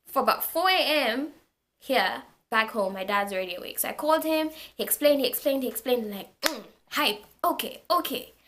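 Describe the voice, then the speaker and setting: A young woman from Zambia, telling a story to her vlog audience in a casual, animated way and repeating words for emphasis. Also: on the high side, fairly quick, noisy background. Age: young adult. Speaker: university student vlogger.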